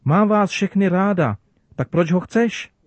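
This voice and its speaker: A man's voice: fairly high pitch, darkish tone, no echo, muffled recording, voice pushed up, lightly acted. A small girl who dotes on her father begs in a raised, emotional voice, as a man performs her in a storybook telling. The sound is close and dry with no room around it. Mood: protesting. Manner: pleading, emotional.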